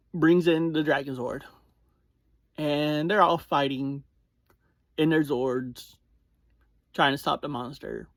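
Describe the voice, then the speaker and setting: A podcast reviewer with a mid-range voice gives a casual, informal recap, speaking to listeners directly. He talks slowly in short phrases, correcting himself along the way, and the sound is dry with no room echo.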